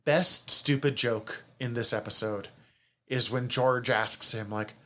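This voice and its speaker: A man's voice: medium pitch, takes it slowly, pushed and bright. A man co-hosting a podcast, chatting casually about a TV series, swearing freely and laughing often. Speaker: podcast co-host. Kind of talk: casual review chat.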